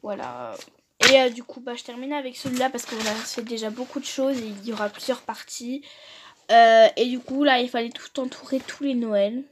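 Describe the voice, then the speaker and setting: Young female vlogger, fairly high voice, chatty and joking, drifts into mumbles. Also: animated, moderate pace, noisy background. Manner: chatty, reads aloud and jokes, trails off into mumbles. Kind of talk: casual vlog commentary.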